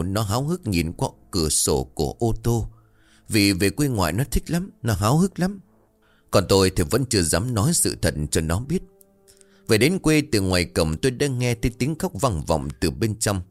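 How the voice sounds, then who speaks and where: A man reading a scripted ghost story in a solemn, measured, emotive way. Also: fairly low pitch, dry recording.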